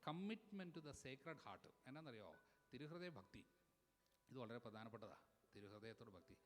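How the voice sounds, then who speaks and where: A man, a priest, preaching an animated sermon, calling on the crowd to respond and mixing in English words. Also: medium pitch. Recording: long hall reverb.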